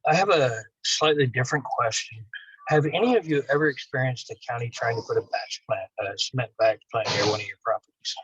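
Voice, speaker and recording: A man's voice: mid-range voice, a little fast, fairly bright tone, husky, no echo. A man on a group call asking a plain, polite question, his microphone crackling and cutting out. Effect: crackly microphone that keeps cutting out. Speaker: property owner on a group call. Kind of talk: casual question in an online meeting. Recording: dull, dry, breaking-up call audio.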